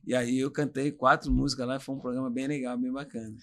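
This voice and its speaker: A man with a country São Paulo accent tells stories in a fast, bright voice. He is an animated storyteller who laughs through his own anecdotes in a relaxed chat. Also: medium pitch, creaky. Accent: São Paulo interior. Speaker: podcast guest, former footballer.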